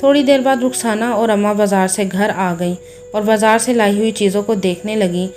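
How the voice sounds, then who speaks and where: A woman narrating a family story in a steady, plain storytelling manner. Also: medium pitch, a little fast, soft background music.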